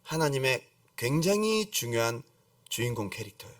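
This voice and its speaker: A middle-aged man preaching a lively sermon as a pastor, acting out pleading prayers and calling on the congregation to repeat after him. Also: medium pitch, normal speed, dry recording, distant mic. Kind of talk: lively Friday-service sermon. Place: church sanctuary.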